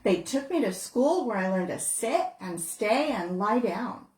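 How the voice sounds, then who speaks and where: A woman who is a children's book author, reading her picture book aloud in a playful, expressive way. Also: medium pitch, measured pace. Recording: roomy echo.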